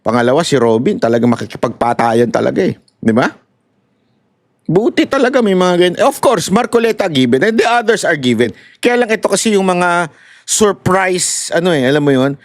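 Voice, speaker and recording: A man's voice: high voice, normal speed, no echo, studio quality. A man giving mocking political commentary to viewers, switching between languages and laughing often. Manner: animated and mocking, mixing Tagalog and English, laughing often. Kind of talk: live commentary addressing viewers.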